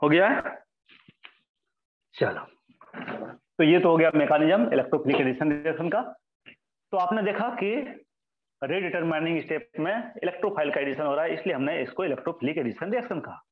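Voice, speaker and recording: A man's voice: fairly high pitch, brisk, long pauses. A man teaching chemistry in a classroom lecture. He asks questions and answers them himself, and repeats key terms for his students. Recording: echoey, dull lo-fi sound.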